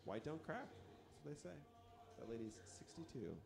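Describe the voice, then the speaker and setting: A man in his thirties hosting a casual movie watch-along podcast, rambling and joking, quick to laugh. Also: fairly high pitch, very animated, creaky. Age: 30s. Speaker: podcast host. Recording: music playing under the talk.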